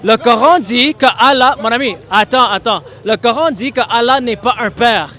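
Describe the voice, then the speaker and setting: High-voiced man debating insistently. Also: moderate pace, pushed and bright, some chatter behind. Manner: insistent, keeps repeating "mon ami". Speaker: street evangelist. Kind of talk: street debate.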